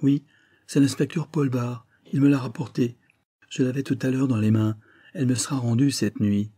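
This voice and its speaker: A man's voice: mid-range voice, steady tone, moderate pace, warm tone, husky, pitched above the performer's own voice, natural voice. A man reading an audiobook voices a wealthy young widow, a countess, with a pleading, emotional manner. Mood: tearful. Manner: pleading, breathless, tearful.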